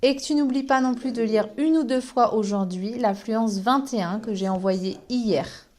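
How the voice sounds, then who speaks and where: A woman's voice: on the high side, a little mellow. A woman teacher giving a remote handwriting lesson, spelling out letters one at a time as she writes. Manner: slow, spells letters out one by one while writing.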